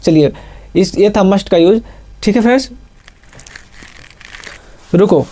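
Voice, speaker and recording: A man's voice: sits high, unhurried, mellow. A man teaching a grammar lesson, explaining step by step and asking himself questions before he answers them. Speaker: English teacher.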